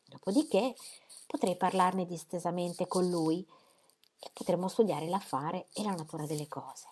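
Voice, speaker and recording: A woman voicing a calm, caring older father who speaks gently and warns kindly, in an audiobook reading. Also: lowish voice, normal speed, slightly rough.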